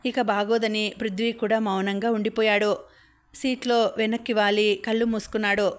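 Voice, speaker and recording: A woman's voice: medium pitch, flat delivery, normal speed. A woman narrating a novel as an audiobook, reading steadily and evenly. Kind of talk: scripted story narration.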